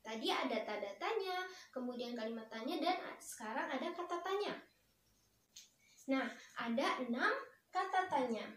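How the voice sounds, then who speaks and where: A young woman student teacher leading a lesson for young children, encouraging and slow, clearly praising her pupils. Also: high voice, lively intonation, fairly bright tone. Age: young adult. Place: primary school classroom. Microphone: far camera. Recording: echoey classroom from far off.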